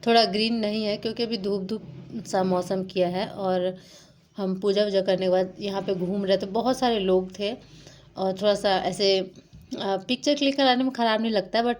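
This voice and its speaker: Brief: young woman vlogger, rambling chatty delivery, flat mid-pitched voice, faint noise behind. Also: normal speed. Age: young adult. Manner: chatty, rambling, with many fillers. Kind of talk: casual vlog narration.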